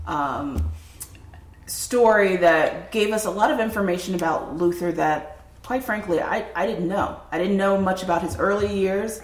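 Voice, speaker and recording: Recording at a film festival table, this podcast host kicks off the episode and a roundtable discussion in a chatty, upbeat way. Her voice is on the low side, with vocal fry and a slight nasal tone from a fading cold, and the room echoes.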